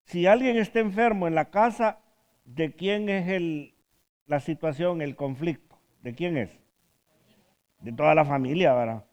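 Una mujer que da un estudio bíblico en tono conversacional. Hace preguntas al grupo y suele rematar sus frases con una pregunta. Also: female voice, deep voice, a little slow, a little mellow. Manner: asks the group questions, often adds a tag question at the end; tells stories from her own counseling work. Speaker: Bible study teacher. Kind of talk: conversational Bible study teaching.

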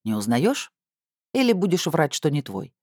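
A stern, accusing middle-aged man, as a woman reader puts him on in an audiobook, speaking in a deep, dark, cold hiss. The voice sits low and sounds close and dry, with nothing of the room around it. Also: big pitch swings, normal speed, slightly rough, dry recording, heavily acted. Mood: menacing. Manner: lowered, cold, hissing delivery. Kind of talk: audiobook character voice.

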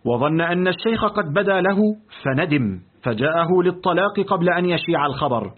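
A man narrating a literary audiobook in a deliberate, expressive reading. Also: fairly high pitch, breathy edge. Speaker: audiobook reader. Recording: tinny, lo-fi phone-like audio.

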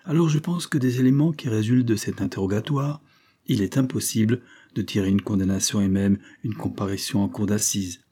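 Un homme qui prête sa voix, dans un livre audio, à un agent de police franc et enthousiaste, au ton ardent et sincère. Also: male voice, fairly low pitch, brisk, warm tone, husky. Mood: earnest, eager. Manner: frank, enthusiastic, earnest. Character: eager, outspoken male police agent. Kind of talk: audiobook character reading.

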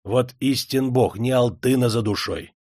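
A man's voice: mid-range voice, a little slow, darkish tone, no room sound, clean studio sound, close to an everyday voice. A man voicing a fawning, pious old clerk who wheedles and pleads. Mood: pleading. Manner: wheedling, ingratiating.

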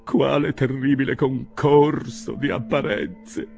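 A man doing a flustered, indignant old gentleman. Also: animated, normal speed, vocal fry, soft background music. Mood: dismayed. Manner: high-pitched, exclamatory outbursts.

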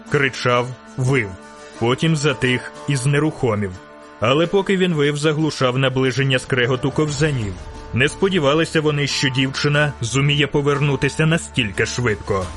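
A man narrating an audiobook in a slow, deliberate storytelling manner. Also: medium pitch, fairly bright tone. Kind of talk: scripted narration.

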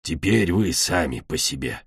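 A man voicing Kestrel, a gruff bitter she-dragon. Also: low-pitched, expressive, a little slow, dry recording, clean studio sound, voice pushed down, exaggerated voice. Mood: cold. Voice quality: gruff, cold. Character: harsh, bitter adult female dragon, a mother.

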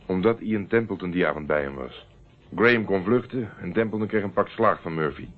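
Heard on a narrow old radio recording, a man with a low, brisk voice and lively intonation plays a stubborn, confident private eye in a radio drama. His delivery is clipped and matter-of-fact, with a guarded, insistent mood.

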